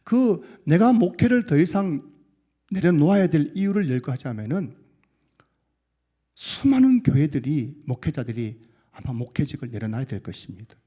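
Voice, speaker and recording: A man pastor preaching a sermon earnestly, swelling into loud emphatic peaks and dropping low and quiet to close his sentences. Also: sing-song, moderate pace.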